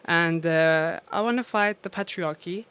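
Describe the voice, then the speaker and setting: Woman DJ, smooth laughing storyteller. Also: lowish voice, measured pace, a bit bright. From Iran. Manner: laughs often, storytelling with many fillers. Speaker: DJ and guest. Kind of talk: casual interview.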